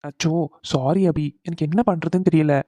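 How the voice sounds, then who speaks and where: A woman's voice: low voice, fairly even intonation, warm tone, husky, dry recording. A woman voicing a tired young groom in a cartoon, pleading with his bride. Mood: coaxing. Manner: quick, weary and coaxing. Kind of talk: cartoon voice acting.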